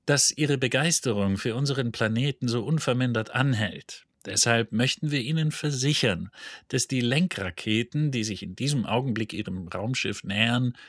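A man voicing an old, polite recorded announcement from a dead planet, hollow and shrill with a threatening undertone. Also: animated, moderate pace, a bit bright, husky, no room sound, clean studio sound. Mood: frosty.

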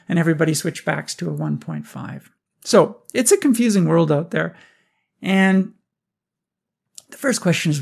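A man hosting a podcast, briskly explaining research findings and asking rhetorical questions. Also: high-pitched. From Canada. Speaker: podcast host. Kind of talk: scripted research review.

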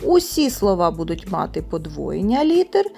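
A woman teacher going through exam tasks step by step, saying the example words slowly and clearly. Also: lowish voice, sing-song, a little mellow, faint music behind. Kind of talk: exam prep lesson.

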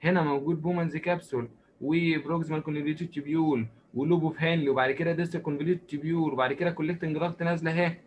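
A man with an Egyptian accent giving a recorded lecture, drawing as he goes and asking and answering his own questions in a lively, joking way. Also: a little high, rapid-fire, a little hiss or hum. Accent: Egyptian Arabic. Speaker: medicine lecturer.

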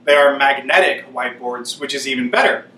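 A man's voice: medium pitch, a little fast, sharp tone. A man in his thirties talks to the camera in a chatty, upbeat way, walking viewers through his shop renovation as he works. His voice sits in a middle register, and the small workroom adds a roomy echo with a faint hum of ambience behind him. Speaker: shop owner filming a renovation. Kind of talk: casual how-to vlog. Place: shop workroom with low ceiling, indoors. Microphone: on-camera mic, camera at arm's length or set on a stand.

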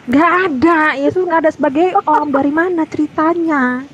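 A woman's voice: sits high, moderate pace, dull audio, a little hiss or hum. A woman in her thirties in a casual online debate, pressing the same questions again and again. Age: 30s. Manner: insistent, repeats her questions. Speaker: debate participant.

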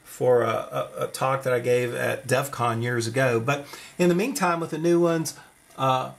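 Seated at a desk indoors, an electronics tutorial presenter gives a casual hands-on demonstration, explaining each step and thinking out loud. His voice is gravelly and medium-pitched, with fairly even intonation and a normal speed.

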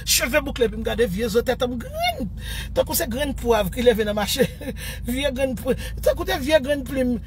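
High, lively Haitian woman storyteller. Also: moderate pace, a little hiss or hum. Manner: theatrical, mock-wailing and laughing while telling a story; switches between Haitian Creole and French. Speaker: social media storyteller. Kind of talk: comic personal storytelling.

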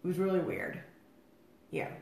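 A woman hosting a cocktail livestream mixes drinks at her table in her home dining room, chatting in a rambling way with plenty of fillers; a phone or webcam picks her up from across the table in an echoey room. She's getting over a cold and sounds a bit nasal. Her fairly low voice is gravelly and darkish, with a sing-song lilt at a moderate pace.

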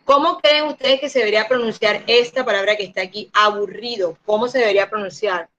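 A woman teaching an English class online, patiently slowing down to model each word's pronunciation. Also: mid-range voice, a bit bright, dull audio, a little hiss or hum.

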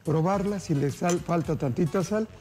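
Upbeat TV cooking host, mellow voice. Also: male voice, high-pitched, normal speed, faint music behind. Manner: upbeat, folksy, addresses viewers as family. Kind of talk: TV cooking segment, addressing viewers. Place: TV studio kitchen set. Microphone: lapel mic.

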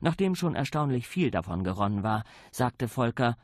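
A man narrating an audiobook in a measured, wry storytelling manner. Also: medium pitch, very animated, no room sound, studio quality.

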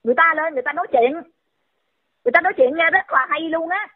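A woman's voice: very high voice, fast. A woman, scolding someone in a heated rant and firing off repeated insulting questions. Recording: tinny phone-line audio.

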